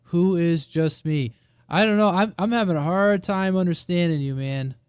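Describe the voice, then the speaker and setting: A man's voice: high voice, moderate pace, smooth, dry recording, studio quality. A man chatting casually and bluntly as a radio operator hosting a live channel.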